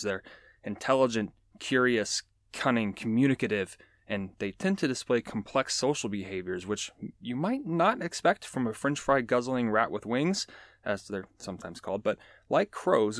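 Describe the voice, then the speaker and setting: A man's voice: on the low side, no echo. A man hosting a nature show, explaining animal facts in a casual, joking way with chatty asides. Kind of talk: casual educational podcast talk.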